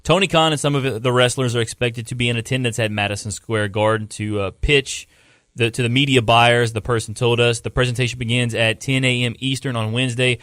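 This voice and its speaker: A man's voice: medium pitch, steady tone, brisk, a bit bright, dry recording. Male host, mid-range voice, laid-back, reads news aloud, dry close mic. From Louisiana. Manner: laid-back, stumbles over the read text. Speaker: podcast host. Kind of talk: casual podcast chat, reading news aloud.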